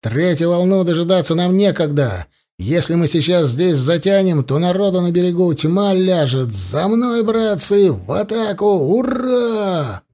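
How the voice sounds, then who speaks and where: A man voicing a young male army officer who shouts orders to his soldiers in battle. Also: fairly high pitch, animated, moderate pace. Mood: shouting orders.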